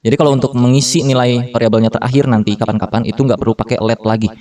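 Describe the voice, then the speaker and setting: Man in his thirties, programming tutor, quick casual delivery, mellow dark tone, slightly distant mic. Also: medium pitch, fairly even intonation. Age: 30s. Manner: slangy Jakarta-style casual talk with fillers and self-corrections. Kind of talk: casual screen-recorded coding tutorial.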